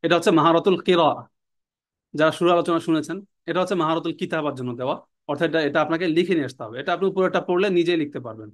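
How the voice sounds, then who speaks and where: A man teaching an online language class, repeating words and their meanings in a slow, drilling way. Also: fairly high pitch.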